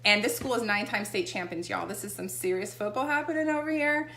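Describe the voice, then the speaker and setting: A woman's voice: medium pitch, fast talker, sharp tone. Chatty woman in an echoey room. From Texas. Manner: chatty, folksy, checks in with the listener. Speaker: essential oil seller. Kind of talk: casual product demo chat. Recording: echoey room with faint hum.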